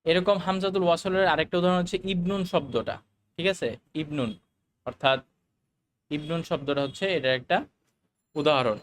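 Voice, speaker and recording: A man teaching a recorded Arabic lesson, explaining the grammar slowly, with fillers and English words mixed in. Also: a little high.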